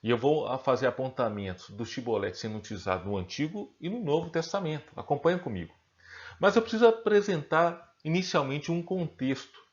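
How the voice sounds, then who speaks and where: A man's voice: on the high side, expressive, fairly quick. Brazilian man teaching, slightly dull recording. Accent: Brazilian Portuguese. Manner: asks himself questions and answers them, checks in with the viewer. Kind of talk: recorded online lesson.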